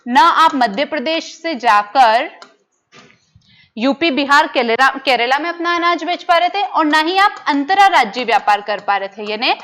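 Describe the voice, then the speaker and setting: A woman's voice: high-pitched, animated, measured pace, a bit bright. A young woman giving an exam-prep lecture who poses questions to her students, answers them herself and repeats the key terms. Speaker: teacher.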